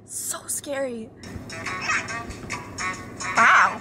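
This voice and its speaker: Bubbly high-voiced young woman in a car. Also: extremely slow, music in the background. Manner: bubbly, excitable, with sudden squeals and laughs. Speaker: vlogger reacting to a show. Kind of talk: casual reaction chat. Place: inside a parked car. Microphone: camera mounted facing her.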